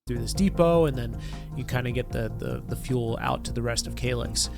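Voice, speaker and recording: Speaking at a moderate pace in a creaky, medium-pitched voice, a thirtysomething community manager for a game developer gives a chatty, casual update, loaded with fillers and nasal from a cold. He records at a desk podcast mic in a neon-lit home studio, with music playing under his voice.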